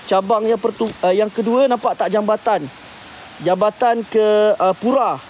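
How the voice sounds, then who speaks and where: A man's voice: high-pitched, measured pace, darkish tone, a little hiss or hum. A man streaming a live ghost hunt at outdoor temple ruins, urgent and tense, muttering prayers between his commentary. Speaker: paranormal investigation streamer.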